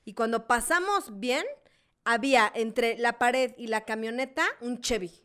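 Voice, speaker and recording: Mexico city woman chatting, expressive, slangy. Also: a little high, measured pace, clear, resonant tone. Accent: Mexican Spanish. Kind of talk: casual podcast chat.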